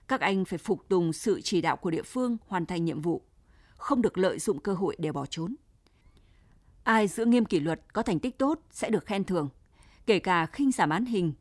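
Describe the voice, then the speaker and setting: A woman's voice: medium pitch, darkish tone, dry recording, close to an everyday voice. A woman voicing a stern male prison camp director giving commanding formal orders.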